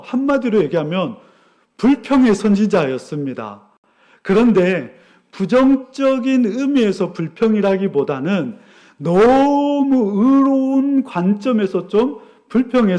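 A male pastor preaching a Sunday sermon in church, animated and storytelling. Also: high-pitched. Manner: animated storytelling, acting out quoted voices.

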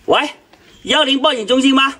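A man's voice: very high-pitched, normal speed, pushed and bright. A man in his thirties playing an easygoing, crafty villager in a rural comedy skit. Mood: practical, reassuring. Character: easygoing male villager, crafty protector of a stranger. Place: outdoors at a village house doorway.

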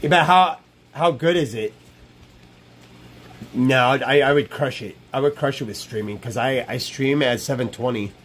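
Talking at a moderate pace in a husky, fairly bright mid-range voice, a thirty-something man rambles through a live stream chat from a small room. He's brash and profane, repeats himself often, and uses a wired earbud headset mic.

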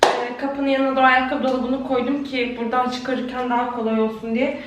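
Brief: chatty young woman vlogging, echoey empty room, slightly high voice, worn out from work. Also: little pitch movement, a little fast, far from the mic. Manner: chatty, talking straight to her viewers. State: worn out from a long day of work. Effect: echo of a bare, empty room with no furniture. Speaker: home vlogger. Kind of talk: casual chatty vlog while renovating. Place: indoors, a small freshly painted empty room at home. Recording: echoey empty room with faint ambient noise.

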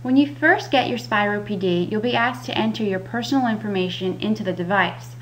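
A woman delivers scripted instructional narration as a patient educator. Her voice sits at a medium pitch. Faint noise and a hum sit behind her. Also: brisk, low-quality recording. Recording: audible background noise with hum.

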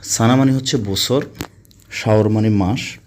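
A man from Bangladesh teaching spoken Arabic vocabulary, explaining words slowly and repeating them one by one. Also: lowish voice, a little hiss or hum. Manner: slow, repetitive word-by-word explaining.

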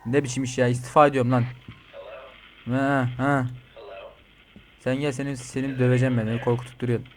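A man giving crude, excitable commentary while playing a game, reading out the other characters' lines and yelling when startled. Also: medium pitch, a little fast, pauses often, a little hiss or hum. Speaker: gaming streamer. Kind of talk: swearing playthrough commentary.

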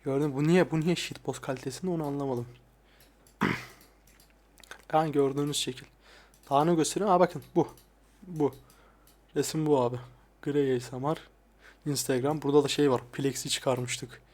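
A young man talking casually and softly, often swearing, as he looks back at his old videos. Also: steady tone, moderate pace, pauses often. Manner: crude, frequent swearing; soft-spoken, dropping voice low at times. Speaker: ASMR YouTuber. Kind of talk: casual soft-spoken vlog. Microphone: lapel mic.

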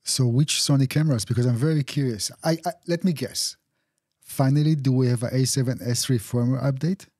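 A man co-hosting a casual podcast, teasing and cutting in with quick remarks. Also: mid-range voice, a little mellow, slightly rough, no room sound, studio quality. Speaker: podcast co-host.

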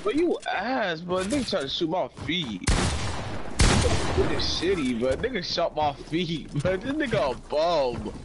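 A man's voice: a little high, sing-song, slow pace. A man trash-talking during an online shooter game in a hyped, brash gamer-bro way, with slang and swearing. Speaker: gamer playing a 1v1 shooter match. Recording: very noisy game mic with gunfire. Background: loud gunfire and game sounds.

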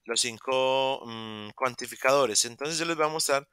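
Clear-voiced man teaching English. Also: mid-range voice, sharp tone, no echo, studio quality. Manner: patient, repeats words slowly for pronunciation. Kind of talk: virtual class explanation. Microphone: video call.

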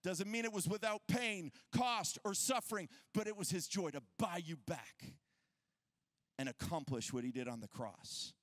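High, bright-voiced preacher man. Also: normal speed, dry recording. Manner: energetic, casual and joking, with slang. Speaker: pastor. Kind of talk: sermon. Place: conference stage before a crowd.

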